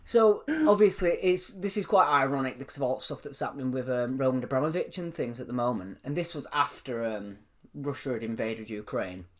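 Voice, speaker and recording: Animated young man. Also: medium pitch, a little fast. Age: 20s. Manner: animated, laughs often, swears casually. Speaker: podcast co-host. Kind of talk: casual chat, storytelling.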